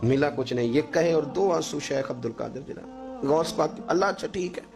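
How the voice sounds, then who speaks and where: A man preaching a sermon, telling a saint's story and swinging between soft low asides and loud scolding. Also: fairly quick, gravelly. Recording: music playing under the speech.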